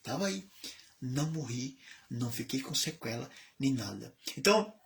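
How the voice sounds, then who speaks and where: With a gravelly, mid-range voice at normal speed, a Bahian man in his fifties preaches conversationally as an evangelist chaplain. His sermon is a testimony of his own life, told with lively storytelling and quoted voices of the people involved.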